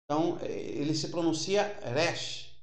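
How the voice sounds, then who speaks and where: A male preacher giving a fervent sermon, slowing down to explain Hebrew letters as if writing them on a board. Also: on the high side, reverberant.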